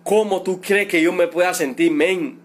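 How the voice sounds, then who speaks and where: A middle-aged Cuban man, a father of a detained protester, making an emotional, indignant and repetitive appeal in a livestream. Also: high-pitched. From Cuba. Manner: pleading, indignant, repetitive, drawn-out emphasis.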